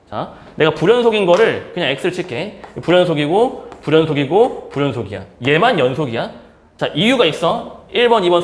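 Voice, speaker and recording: In a roomy-sounding recording, a man with a slightly high voice teaches math casually. He talks to students in plain, everyday language, asking his own questions and then supplying the answers.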